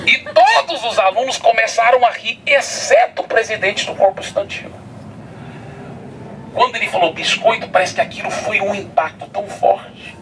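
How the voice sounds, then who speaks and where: Animated preacher with a bright voice. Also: male voice, high voice, moderate pace, distant mic, a little hiss or hum, rough recording. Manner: animated, laughs while telling the story. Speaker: pastor. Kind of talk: sermon with storytelling. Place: outdoors at a hilltop site.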